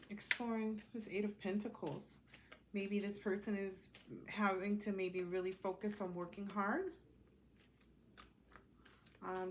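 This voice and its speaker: A tarot reader leads a collective reading in a loose, improvised style, speaking informally both to herself and to the cards. She has a mid-range voice, with a little hiss or hum in the audio.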